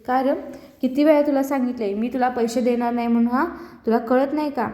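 A woman's voice: high voice, fairly even intonation, brisk, mellow, natural voice. A woman voicing a stern middle-aged mother who firmly scolds her son, recorded in an echoey room. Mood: scolding. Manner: scolding, firm.

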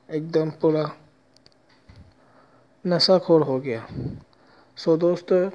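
A man telling a personal story with a moral in a slow, halting way, with many pauses. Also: on the high side, darkish tone. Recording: dull lo-fi recording.

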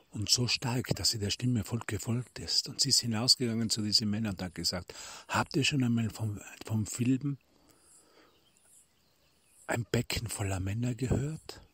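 A middle-aged man with a low, husky voice tells a spiritual story to his listeners in a soft, intimate way, now and then sinking to a near-whisper. The voice-message recording is dry and close, with no room sound. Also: no echo. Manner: warm storytelling, addressing listeners as dear ones. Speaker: spiritual teacher. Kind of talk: spoken devotional talk. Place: retreat in Tuscany. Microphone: phone voice message.

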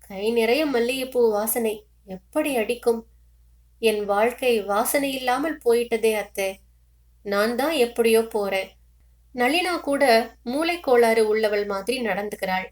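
A woman's voice: on the high side, unhurried, close to an everyday voice. A heartbroken young widow in her late twenties pours out her grief in a storybook reading, as a woman reads her. She laments in a broken, mournful way. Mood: lamenting.

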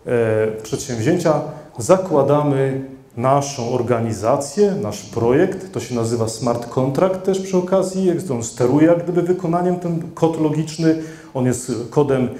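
Speaking into a handheld mic before a seated conference audience, a middle-aged man presents at a measured pace in a mellow, mid-range voice. He hesitates often, with lots of fillers and restarts, and the hall gives a roomy echo.

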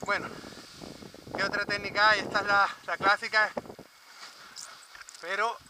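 A man's voice: sits high, flat delivery, unhurried. A man with a Spain Spanish accent instructing informally and hands-on outdoors, with wind on the microphone. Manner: hands-on, explains while exerting himself, with sound effects. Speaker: paragliding instructor. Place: open windy hilltop outdoors.

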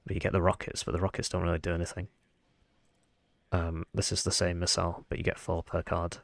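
A man with a croaky, froggy voice, sounding unwell, giving casual game commentary as he thinks aloud. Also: sits low, little pitch movement, brisk, no room sound. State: under the weather, sick voice. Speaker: gaming video host.

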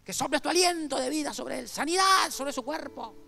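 Preacher guy doing a fiery evangelist praying loud and slow, high and bright. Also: lively intonation, vocal fry, exaggerated voice. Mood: fervent. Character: fervent male evangelist praying over a sick man.

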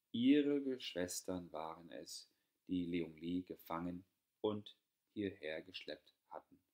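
A deep-voiced man narrates a fairy tale for an audiobook, unhurried and low. His telling stays calm and steady from line to line. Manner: calm, even storytelling. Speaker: audiobook reader.

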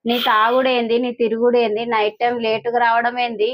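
A woman's voice: a little high, little pitch movement, a little hiss or hum, lightly acted. Woman playing an angry accusing wife. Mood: furious. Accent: Telangana Telugu. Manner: accusing, rapid questioning. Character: angry suspicious young wife. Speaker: wife in a comedy skit. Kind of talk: comedy skit acting.

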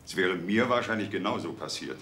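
A senior police chief, formal and gruff when he speaks. His voice is fairly low. Faint hiss from the old soundtrack sits behind him. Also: lively intonation, a little fast, sharp tone, heavily acted. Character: senior police chief, older man, stiff. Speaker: criminal director.

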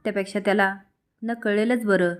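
A woman's voice: mid-range voice, steady tone, brisk, smooth, natural voice. Brief: tearful, pleading family woman, read by a female narrator. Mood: distraught. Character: distressed woman, a family elder.

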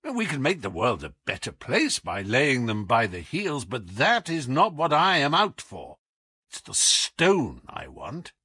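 In a mid-range, bright, forceful and slightly rough voice, a male narrator heavily acts the part of a whimsical, imperious British detective of great brilliance. He takes it unhurried, his pitch swooping wildly, the tone animated, commanding and wry. No echo is present.

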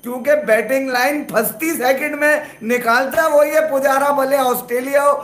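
A man's voice: extremely high pitch, steady tone, normal speed, fairly bright tone, reverberant. A man, a cricket pundit, talking in a mocking, joking way. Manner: mocking, rhyming jibes. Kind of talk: cricket talk show chat.

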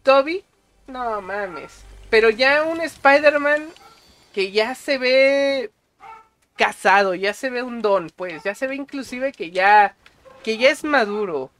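A man with a Mexican accent reviewing a movie on a casual stream, excitable and full of slang and swearing. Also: very high voice, takes it slowly.

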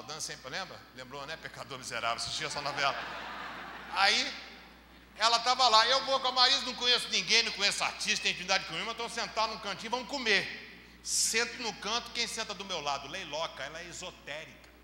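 Brief: male Brazilian pastor from Rio, sermon storyteller, higher-pitched bright voice, long church reverb. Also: a little fast, slight background noise. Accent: Brazilian Portuguese, Rio de Janeiro. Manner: lively storytelling, acts out dialogue, swings from loud to quiet. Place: church hall. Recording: echoey church hall, long reverb, faint ambience.

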